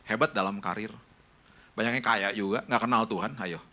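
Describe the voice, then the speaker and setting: A man's voice: on the low side, normal speed, bright, forceful tone. A middle-aged male pastor preaching a sermon, telling stories and acting out the voices of friends and family.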